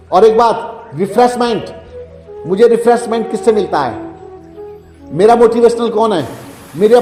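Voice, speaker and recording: A man's voice: high-pitched, a little mellow. A man giving health and meditation advice in a preachy way, repeating phrases and asking rhetorical questions. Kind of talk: advice talk to a listener. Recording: roomy echo, long reverb, faint music.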